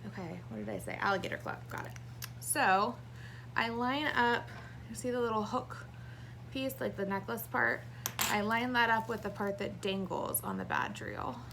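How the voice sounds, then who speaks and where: A woman's voice: medium pitch, normal speed, creaky, noisy background. A woman in her thirties, heavily pregnant and short of breath, giving a casual hands-on craft tutorial to camera. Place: small indoor craft room.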